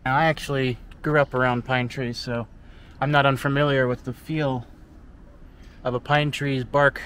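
A young travel vlogger narrates a casual hiking vlog on a forest trail, chatting and joking in relaxed commentary while an action camera at arm's length films him. His mid-range voice moves at a normal speed, with a little hiss or hum in the recording.

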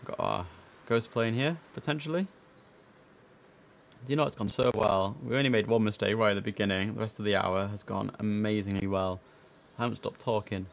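A man with a croaky early-morning voice, chatting on a live stream while giving air traffic control calls. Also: lowish voice, fairly even intonation, brisk. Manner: chatty, mixes slang with controller phraseology. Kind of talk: casual live-stream commentary with radio calls.

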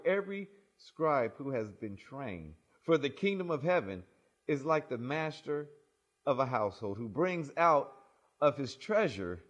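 A middle-aged man, a pastor, reading scripture and preaching a sermon in a small church sanctuary, swinging expressively between loud and soft. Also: on the high side.

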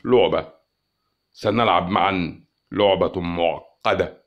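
A man voicing a cold, calm male alien envoy who speaks slowly and quietly. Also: sits low, muffled recording. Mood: cold menace. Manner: cold and unhurried.

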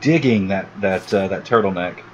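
A man casually commenting as he plays a game for the first time, chatty and sarcastic, reading on-screen text aloud on a low-quality home mic. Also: moderate pace, slight background noise. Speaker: gaming YouTuber. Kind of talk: casual let's-play commentary. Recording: loud game music behind.

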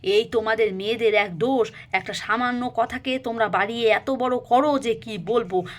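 A woman's voice: a little high, normal speed, close to an everyday voice. A woman voicing a weary husband in a doll story, who alternates between scolding and placating his wife. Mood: grumbling.

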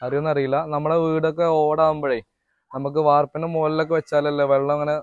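A man's voice: fairly high pitch, little pitch movement, fast talker, no room sound, muffled recording. A man doing casual vlog narration outdoors behind a house, chatty and talking straight to viewers with teasing asides. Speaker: family vlogger cooking.

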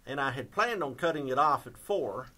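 Texan guy cohosting a podcast, bright voice, jokey storyteller. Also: mid-range voice, lively intonation, moderate pace. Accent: Southwest Texas. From Texas. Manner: storytelling, joking. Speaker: podcast co-host, history professor. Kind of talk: casual chat.

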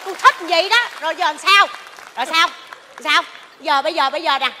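An actress playing a feisty, sharp-tongued middle-aged wife in a live stage comedy. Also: female voice, very high voice, brisk, some chatter behind, a little hiss or hum, heavily acted. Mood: bickering.

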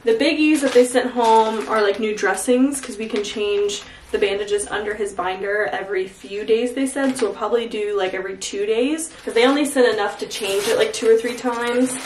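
A woman's voice: fairly high pitch, normal speed, few pauses. A young woman casually explaining aftercare for a vlog in a blunt, informal way. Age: young adult. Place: small bathroom indoors. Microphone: camera mic a step away. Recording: echoey bathroom, distant mic, background noise.

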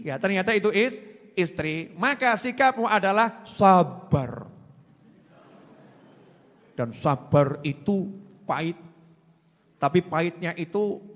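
Javanese-accented preacher in a reverberant hall. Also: male voice, a little high. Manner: animated and teasing, mixing in local words. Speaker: Islamic preacher. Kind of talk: sermon answering a question. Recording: long reverb of a large hall.

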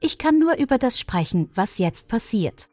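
A woman's voice: fairly high pitch, big pitch swings, moderate pace, darkish tone, no echo, faint music behind, pitched above the performer's own voice. A woman voicing a tired, worn-out male surgeon arguing with his wife. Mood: pleading. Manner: pleading, worn-out.

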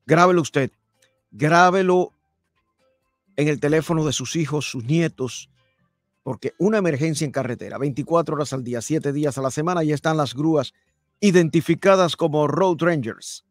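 An older man hosts a live radio show at a studio mic, his voice a touch high and close, with a dry, dead sound. He leans hard on numbers and repeats key phrases for emphasis. Faint music sits underneath. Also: normal speed, no echo. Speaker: radio host. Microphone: studio mic with headphones.

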